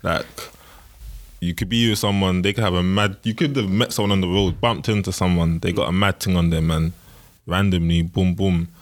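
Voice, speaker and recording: A man's voice: sits low, fairly even intonation, normal speed. A man with a London roadman accent and street slang, chatting casually. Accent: London, urban street slang. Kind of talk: casual chat.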